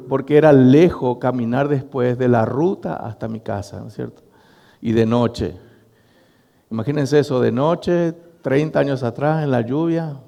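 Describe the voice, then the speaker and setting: A man's voice: fairly high pitch, gravelly. A middle-aged male pastor, preaching a sermon and telling a story to his congregation. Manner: storytelling, addressing the congregation as brothers, animated. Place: church hall. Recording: long reverb of a church hall.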